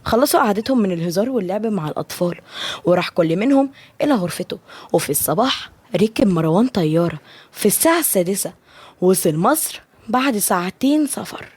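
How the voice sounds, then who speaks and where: A woman with an Egyptian Arabic accent narrating a romance story in a brisk, plain reading. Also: medium pitch, lively intonation, darkish tone, slightly rough, no room sound.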